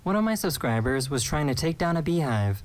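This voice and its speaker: A man's voice: fairly high pitch, big pitch swings, a little fast. A man giving brief scripted narration between short internet clips. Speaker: video narrator. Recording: loud background noise.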